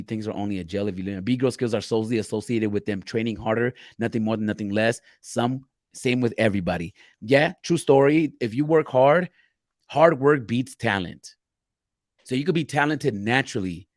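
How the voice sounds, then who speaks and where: A man's voice: medium pitch, dry recording, studio quality. A man co-hosting a casual live-stream chat, talking loosely and bluntly with plenty of cursing and reading viewer questions aloud. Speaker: podcast co-host.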